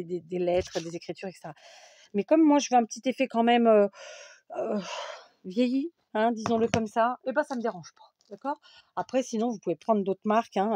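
A woman's voice: mid-range voice, darkish tone, slight background noise. Chatty woman hosting a crafting tutorial. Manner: chatty, self-correcting, many fillers. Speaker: scrapbooking tutorial host.

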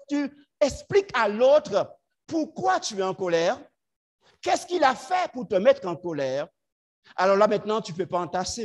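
A man preaching a sermon to his congregation, swinging between loud emphatic lines and low quiet asides.

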